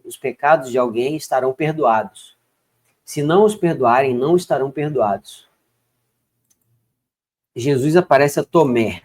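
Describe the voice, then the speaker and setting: Man reading scripture with chatty asides. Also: on the high side. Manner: reads verses then comments in relaxed chatty asides. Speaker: bible reader. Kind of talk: casual bible reading with commentary.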